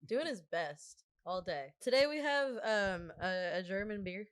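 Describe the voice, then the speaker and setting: A woman's voice: mid-range voice, animated, unhurried, clear, resonant tone. An American woman hosting a casual chat in a playful, joking manner. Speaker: host. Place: apartment.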